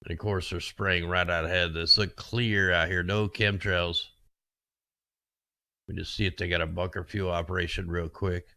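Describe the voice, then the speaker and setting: He has a deep, sharp-toned voice with little pitch movement and a moderate pace, recorded dry. Hosting casual screen-share commentary, he talks through weather maps in a rambling, conspiratorial manner as his voice becomes worn and he loses it.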